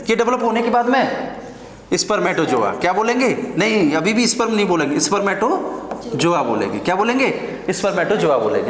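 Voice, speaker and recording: A man teaching a nursing exam class, lecturing at the board and drilling terms by asking and answering his own questions. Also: high voice. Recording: echoey classroom.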